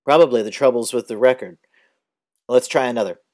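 A man's voice: medium pitch, fairly quick, a little mellow, close to an everyday voice. A man reading the lines of a gangling, sardonic older man in an audiobook, with a brusque and wry delivery. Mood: dry, wry.

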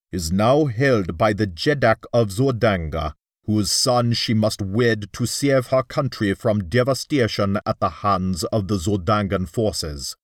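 A proud alien warrior chieftain addresses his council slowly and formally, as a man voices him. His voice sits a little low, and the recording is dry. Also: no room sound.

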